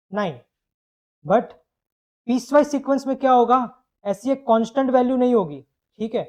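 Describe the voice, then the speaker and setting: A man's voice: high-pitched, mellow, lo-fi sound. A man teaching a live online math lecture. He explains step by step, asks questions and answers them himself, and mixes English phrases into his explanation.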